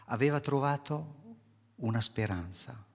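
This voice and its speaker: A man's voice: mid-range voice, animated, unhurried, creaky, slightly rough. A man preaching a sermon to a congregation, explaining scripture earnestly and posing rhetorical questions. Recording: long hall reverb.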